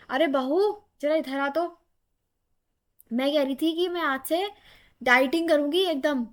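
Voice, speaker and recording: A woman's voice: high-pitched, natural voice. A woman playing a rambling, complaining elderly village mother-in-law, in a comedy sketch. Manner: rambling, complaining, drawn-out delivery.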